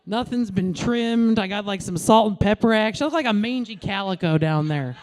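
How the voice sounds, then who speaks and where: A woman in her late thirties doing a stand-up comedy set on a club stage, brash and crude, with deadpan asides to the crowd. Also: medium pitch, fairly quick. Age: late 30s.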